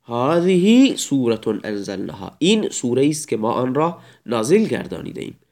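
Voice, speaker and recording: A man's voice: mid-range voice, big pitch swings, darkish tone. A man teaching Arabic grammar in a recorded lecture, explaining step by step and reciting examples in a raised voice.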